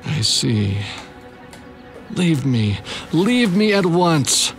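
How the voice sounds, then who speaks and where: A man's voice: a little high, big pitch swings, drawn-out words, creaky, music in the background, heavily acted. An actor playing a vain but kindhearted ancient king, regal and hesitant, in a theatrical Bible drama. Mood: troubled, regretful.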